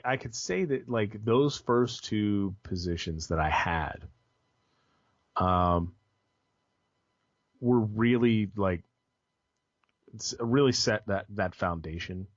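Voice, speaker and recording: A man's voice: fairly low pitch, no echo. A young man, a guest on a podcast, talking casually about his IT work, rambling with lots of ums and restarts. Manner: rambling, frequent ums and self-corrections. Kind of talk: casual conversational interview. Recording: dull lo-fi dry podcast audio.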